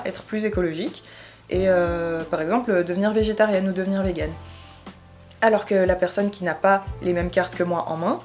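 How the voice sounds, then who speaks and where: A young woman from Switzerland, explaining her views in a casual vlog, pausing often with fillers. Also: mid-range voice, darkish tone. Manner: thoughtful, hesitant, many fillers. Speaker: YouTuber.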